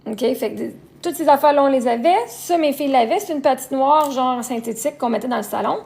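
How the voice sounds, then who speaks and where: A woman's voice: high voice, fast talker, gravelly, darkish tone. A woman with a Québécois accent, chatting casually on a live stream and rambling on, listing things and repeating herself. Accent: Québécois French. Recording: roomy echo, faint noise.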